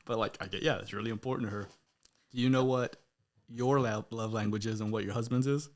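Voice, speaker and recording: A man's voice: on the low side, fairly even intonation, brisk. A young man hosting a podcast in casual chat, loose and joking, laughing often and swearing casually. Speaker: podcast host.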